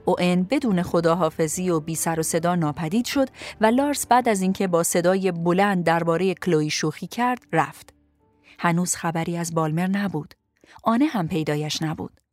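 A woman narrating a first-person novel in a measured, even storytelling manner. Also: fairly low pitch, no echo, soft background music. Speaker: audiobook narrator.

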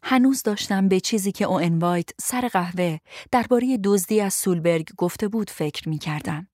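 A woman narrating a first-person novel in a measured, even storytelling manner. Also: medium pitch, no echo, clean studio sound. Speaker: audiobook narrator.

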